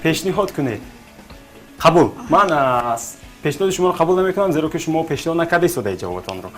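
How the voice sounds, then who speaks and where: A man's voice: fairly high pitch, expressive, soft background music. A man with a Tajik accent hosting a TV quiz, coaxing the contestants and repeating their answers back to them. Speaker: quiz show host.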